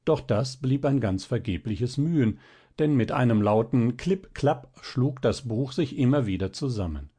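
A man reads an old fairy tale aloud at a steady, measured pace. His voice is dark and mellow, with a mid-range pitch. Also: slightly rough. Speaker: reader. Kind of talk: storybook narration.

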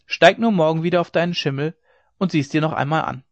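Stubborn storybook councillor, dry and scornful, a man voicing him. Slightly high, on a dry recording. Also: a little fast, no echo, highs cut off, close to an everyday voice.

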